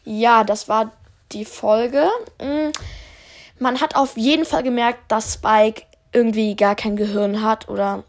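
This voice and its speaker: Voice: mid-range voice, fairly even intonation, a little slow. Eine junge Stimme erzählt locker und etwas stockend eine improvisierte Geschichte und moderiert die Folge. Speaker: narrator and host. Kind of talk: improvised story narration.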